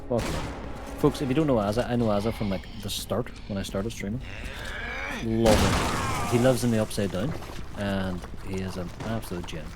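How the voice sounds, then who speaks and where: A man's voice: fairly low pitch, moderate pace, very noisy. A man with a Derry-Donegal Irish accent, chatting casually and swearing freely on a co-op gaming stream. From Derry, Northern Ireland. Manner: sweary, banter-filled.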